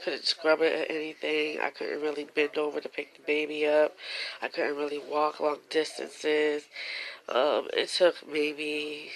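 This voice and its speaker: A woman's voice: low voice, completely flat delivery, a little slow, low-quality recording. A young woman telling a personal story to her viewers in a casual, emotional way, at times fighting back tears, with features. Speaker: vlogger.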